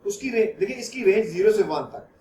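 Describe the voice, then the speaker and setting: A man lecturing a math class, explaining each step patiently and stopping to ask if the students follow. His voice sits high. The recording has a roomy echo and a faint hiss behind it. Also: expressive, a little fast, dark tone. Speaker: math teacher.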